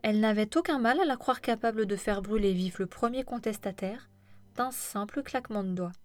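A woman narrates a novel in a steady, measured voice at a middle pitch. Her storytelling stays even and unhurried. Faint music sits quietly behind her. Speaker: audiobook narrator. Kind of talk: scripted narration.

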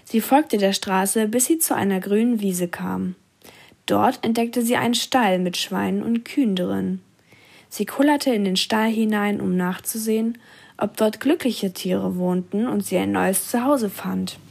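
A woman reading a children's story aloud in a calm, even storytelling manner. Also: mid-range voice, unhurried, creaky, husky.

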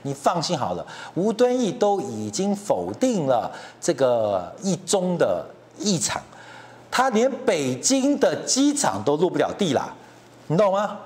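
A middle-aged man rants through political commentary in a mocking, heated tone. His voice sits a little high for a man and swings widely in pitch as he jabs at his targets. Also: wildly swooping pitch, measured pace, darkish tone. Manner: mocking, heated, keeps asking "you know?".

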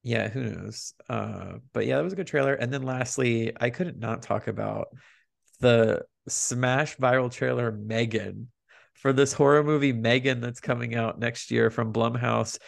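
A man's voice: mid-range voice, fairly even intonation, measured pace, vocal fry. A man co-hosting a podcast, chatting casually about movie news and box office figures. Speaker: podcast co-host.

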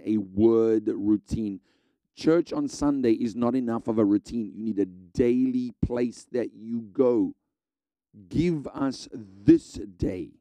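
Earnest preacher with a dark mellow voice. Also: male voice, medium pitch, dry recording. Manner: earnest, exhorting, repeats key phrases. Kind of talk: sermon.

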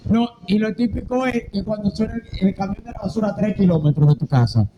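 A Dominican man with a high voice tells funny everyday stories in casual radio banter. He jokes in an animated way. The recording carries a clear hiss. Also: brisk, lo-fi sound. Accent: Dominican Spanish. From Dominican Republic. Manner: animated storyteller, jokey.

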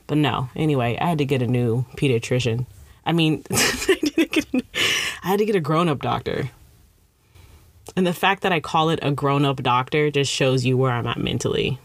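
A young woman with a low voice tells a comic story about herself, rambling into playful tangents and making fun of herself. The recording is dry, with no room sound. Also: no echo. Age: young adult. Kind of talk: comedic storytime monologue.

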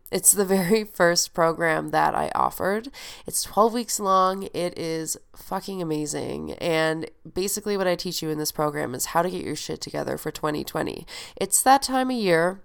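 Stuffed up and nasal from a head cold, a young female podcast host chats casually and swears without restraint. Her voice is lowish and gravelly, clean in tone, at a normal speed.

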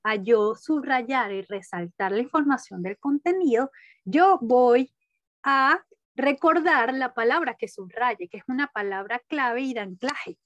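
Animated woman telling her story, high voice. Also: measured pace, no echo, highs cut off. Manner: animated, laughs often, acts out her own inner voice. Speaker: guest. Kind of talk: personal storytelling in conversation.

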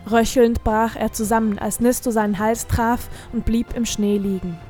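A woman reading a fantasy audiobook in steady, scripted narration. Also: a little high, normal speed, faint music behind.

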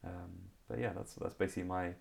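This comedian, an Englishman from Liverpool in his thirties, talks fast in a deep, steady, slightly mellow voice with a creaky quality. As an interview guest he keeps it casual, carrying a Liverpool accent and plenty of ums and false starts.

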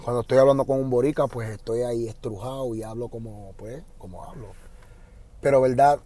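On his podcast, a man who teaches high school Spanish gives laid-back advice in a Puerto Rican Spanish accent. He keeps tacking on "¿verdad?" and filling pauses with "eh."

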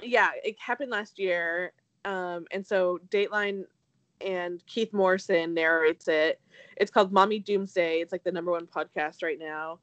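A woman co-hosting a casual podcast, talking haltingly with stammered restarts and many fillers, with a dry, self-deprecating streak. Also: fairly low pitch, fairly even intonation, dry recording, lo-fi sound. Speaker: podcast co-host.

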